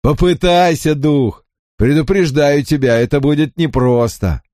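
A man voicing a scornful, fearless male vagrant who mocks and shouts defiantly. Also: fairly high pitch, unhurried, no room sound, studio quality, voice pushed up, natural voice.

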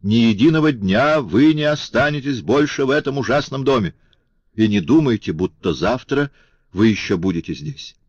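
A man's voice: mid-range voice, animated, normal speed, darkish tone, husky, dry recording, voice pushed up. A man reading an audiobook, voicing a passionate, grateful young man in a raised, exclaiming voice. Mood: indignant. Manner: impassioned, exclaiming, pleading. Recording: dull lo-fi audiobook recording.

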